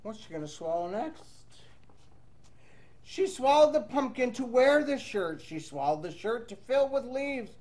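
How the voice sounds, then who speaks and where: A man reads a children's storybook in an animated, playful sing-song, tossing in casual, chatty asides to young listeners. His voice is very high-pitched yet darkish, and he takes his time.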